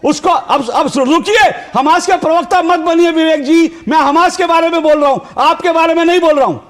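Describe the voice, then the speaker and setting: A male TV news anchor in a heated debate, shouting and hammering the same phrases over and over. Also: very high-pitched, brisk. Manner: shouting, repeating phrases insistently.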